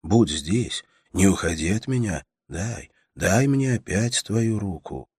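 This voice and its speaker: A weak, feverish young man whose words come faint and halting, short of breath, read by a man in his own low voice. The tone is husky and dry, close to the mic. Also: expressive, a little mellow, dry recording, heavily acted.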